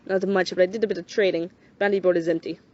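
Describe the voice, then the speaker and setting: A woman voicing a blunt, gruff young wanderer who talks in curt, clipped lines and swears in an amateur audio drama. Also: on the low side, steady tone, fast talker, darkish tone, lightly acted. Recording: dull lo-fi home recording.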